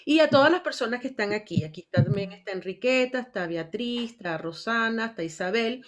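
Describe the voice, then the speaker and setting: A woman's voice: fairly high pitch, expressive, a little fast. A woman from Venezuela hosting an online astrology panel, chatting casually with many fillers over a video call. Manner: warm, chatty, frequent "este" fillers.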